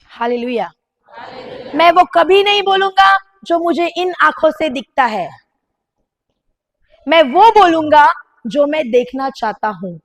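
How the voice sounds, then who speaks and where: A woman preacher giving a fervent sermon to a congregation, urging them with shouted commands. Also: sits high, lively intonation, takes it slowly, long pauses.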